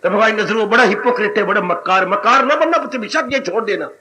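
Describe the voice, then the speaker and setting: A man giving an animated devotional sermon as a spiritual teacher, breaking into exclamations and sung lines. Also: high voice, quick pace, noisy background.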